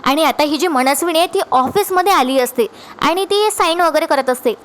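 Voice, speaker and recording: A woman with a high voice recapping a TV serial episode. She tells it like a lively storyteller and keeps turning to her friends to say what happens next. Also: brisk.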